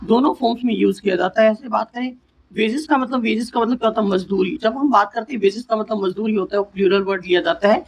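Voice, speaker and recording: Man, grammar teacher, high-pitched voice, answers his own questions, frequent check-ins, reads examples slowly. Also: a little hiss or hum, low-quality recording. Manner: repeats "ठीक है ना" after each point, asks and answers his own questions; slows right down to read English example sentences word by word. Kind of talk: exam-prep grammar lesson.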